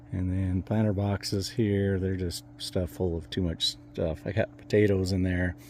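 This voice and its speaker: An older man with a somewhat low voice talks his way through his backyard garden outdoors. His delivery is plain-spoken, easygoing and meandering, with a faint outdoor hum behind him. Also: darkish tone. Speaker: home gardener. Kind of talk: casual garden walkthrough.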